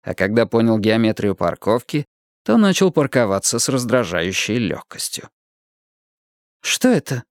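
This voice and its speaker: A man's voice: fairly low pitch, very animated, normal speed, no echo. Man narrating an audiobook, dry. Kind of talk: scripted narration.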